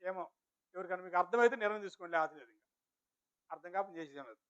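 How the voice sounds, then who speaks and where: A man with a very high, bright and forceful voice preaches a sermon. He keeps throwing rhetorical questions at the congregation while addressing them politely. The recording is dull and lo-fi. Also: rapid-fire, clear, resonant tone. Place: village church.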